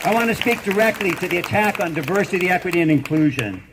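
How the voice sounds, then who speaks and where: A middle-aged or older man giving a rally speech as a professor, emphatic and deliberate, building on repeated phrases and rhetorical questions. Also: high-pitched, expressive, a crowd in the background, background noise. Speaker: university professor speaking at a rally.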